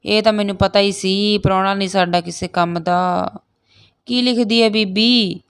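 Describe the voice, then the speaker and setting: A woman's voice: medium pitch, fairly even intonation, normal speed, clear, resonant tone, no echo, voice pushed up, close to an everyday voice. A woman reading the part of a grieving village mother, tearful and pleading, with a raised, lifted voice. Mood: scolding. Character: middle-aged Punjabi village mother, grieving for daughter.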